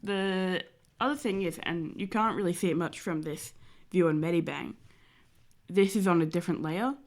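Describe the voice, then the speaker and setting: A young woman streamer with a cold sounds nasal and stuffy as she chats casually while drawing. Her fairly low voice keeps a moderate pace, rambling with plenty of fillers.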